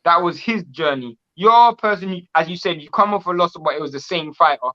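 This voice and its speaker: A man's voice: on the high side, fairly quick, bright, forceful tone, lo-fi sound. A man hosting a casual boxing interview, asking rambling, enthusiastic questions with restarts. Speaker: boxing channel host.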